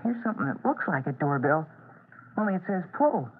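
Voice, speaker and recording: A woman voicing a plucky young boy who calms his sister, in the style of 1940s radio acting, with a soothing, matter-of-fact manner. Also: low-pitched, a little fast, husky, exaggerated voice. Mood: reassuring. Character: plucky young boy Jimmy, reassuring big brother. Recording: tinny old radio broadcast with faint hiss.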